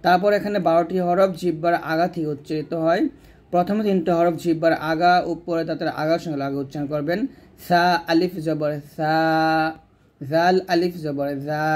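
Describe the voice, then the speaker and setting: A man teaching Quran reading, drawing out each letter in slow step-by-step drills. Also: on the high side, steady tone, a little mellow. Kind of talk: step-by-step recitation lesson.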